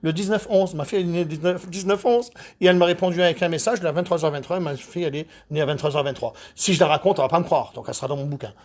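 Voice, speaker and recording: A man who details cars, chatting casually while he works, excitable, boastful and rambling, with a husky voice. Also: on the high side, rapid-fire, hardly any pauses. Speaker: car detailer. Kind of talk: casual chat while working.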